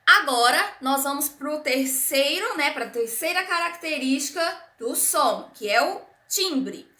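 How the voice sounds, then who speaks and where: High bright-voiced Brazilian teacher. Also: female voice, expressive, a little slow, echoey room. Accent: Brazilian Portuguese. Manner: patient, repetitive explaining with frequent "né?" and "certo?". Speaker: primary school science teacher. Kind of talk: recorded remote class lesson.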